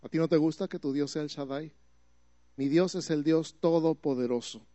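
A man's voice: fairly high pitch, moderate pace, dark tone, no room sound, lo-fi sound. A man preaching a sermon in a teaching manner, asking the listeners questions and building up emphatic repeated phrases. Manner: rises to emphatic repetition.

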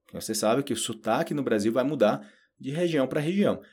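A man giving an informal lesson, lively and fond of acting out learners and slowly repeating practice phrases. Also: mid-range voice, husky. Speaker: Portuguese teacher.

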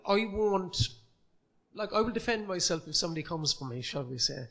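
A man's voice: high voice, animated, normal speed, creaky, fairly bright tone. A man in his forties from Cork with a Cork Irish accent, a comedian guest chatting on a podcast, earnest and self-deprecating. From Ireland, Cork City. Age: 40s. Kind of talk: casual podcast chat. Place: comedy club recorded live.

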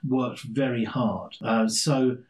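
A middle-aged man from London with an English accent fills in as a guest on a casual podcast, telling long stories in a dry, self-deprecating way. His medium-pitched voice is steady and slow, and the recording quality is low.

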